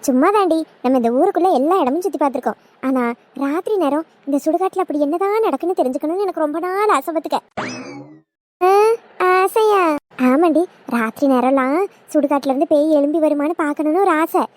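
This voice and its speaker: A woman's voice: high-pitched, brisk, lightly acted. A woman voicing a bold, bossy older village woman in a cartoon. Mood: daring. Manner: bossy, coaxing.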